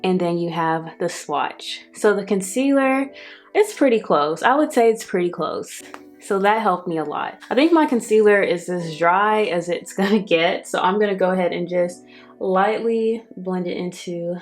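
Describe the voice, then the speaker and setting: Soft music plays behind a woman with a slightly low voice. She chats casually and directly to her viewers as a beauty vlogger giving a makeup review. Her speech is slightly affected by the retainer she is wearing. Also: moderate pace. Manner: chatty, addresses viewers directly. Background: background music.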